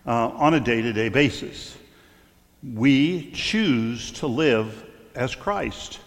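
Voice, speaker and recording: A middle-aged male clergyman giving a conversational sermon, telling stories with frequent fillers and stumbles. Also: medium pitch. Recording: long hall reverb.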